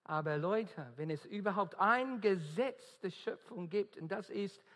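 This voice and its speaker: His delivery is unhurried, the voice high-pitched and a bit bright. In German, with an Australian accent and English as his first language, he preaches an earnest, emphatic evangelistic sermon, repeatedly searching for words amid a hall's long reverb.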